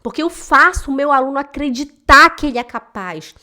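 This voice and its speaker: At her home in Switzerland, a woman who teaches German speaks emotionally and emphatically straight to camera in a motivational vlog. Her high voice is animated, a little fast and bright, with a forceful tone.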